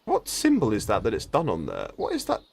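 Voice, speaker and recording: A man's voice: fairly low pitch, wildly swooping pitch, brisk, gravelly, husky. A man narrating a tabletop game as game master, stammering through restarts and chuckling at the table.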